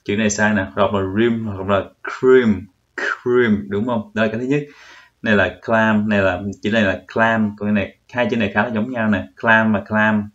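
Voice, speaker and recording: Young man, casual tutorial talk, fairly low voice, dull lo-fi sound. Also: fairly even intonation, fast talker, a bit bright. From Vietnam. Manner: chatty, repeats words while testing himself. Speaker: vlogger. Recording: dull lo-fi audio.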